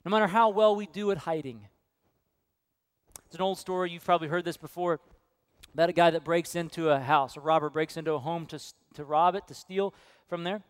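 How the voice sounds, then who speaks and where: Male pastor, sermon delivery, slightly high voice, smooth and close-miked. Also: no echo. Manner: earnest preaching, storytelling with hushed quoted voices. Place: church sanctuary.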